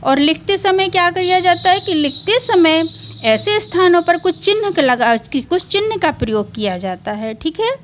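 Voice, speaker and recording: Female teacher, high voice, restates points and poses her own questions, faint background noise. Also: lively intonation, moderate pace, a bit bright. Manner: explains each point twice, asks and answers her own questions. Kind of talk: classroom grammar lesson.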